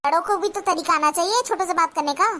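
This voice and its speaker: A woman's voice: very high-pitched, fast, pushed and bright. Woman voicing a defiant young daughter-in-law. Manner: retorting, argumentative. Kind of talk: cartoon voice acting.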